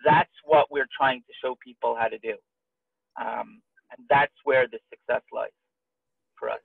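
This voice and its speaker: A man co-hosting a webinar, giving an upbeat, persuasive motivational pitch and asking his listeners questions. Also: fairly even intonation, measured pace, gravelly, breathy edge, no echo. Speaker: webinar co-host. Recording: dry, tinny call audio.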